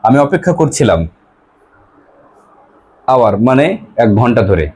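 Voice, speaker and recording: A man's voice: mid-range voice, sing-song, a little mellow, breathy edge. A male teacher from West Bengal, teaching an English grammar lesson to a class, asking pupils questions and repeating their answers. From West Bengal, India. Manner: reads English examples slowly.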